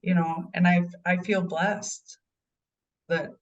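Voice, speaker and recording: A woman's voice: fairly low pitch, steady tone, slow, recorded from a distance, muffled recording. A middle-aged mother answering interview questions in an earnest way, with frequent ums. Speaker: bereaved mother and guest.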